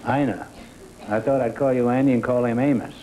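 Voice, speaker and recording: A man's voice: mid-range voice, steady tone, brisk. An older man hosts a quiz show in a drawling, teasing way, dropping puns between questions. The sound comes from an old 1960 television broadcast with a noisy hiss underneath. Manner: teasing, punning, drawling delivery. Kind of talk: wisecracking quiz show banter.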